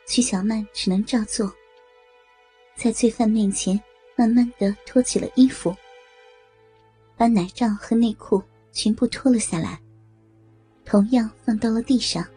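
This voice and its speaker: A woman telling an audio story in steady, even narration. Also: fairly high pitch, slightly rough.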